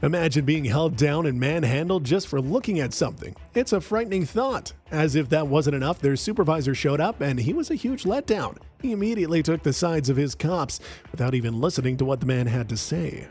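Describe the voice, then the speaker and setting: A man narrating a scripted account in an even, measured storytelling manner. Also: a little high, husky.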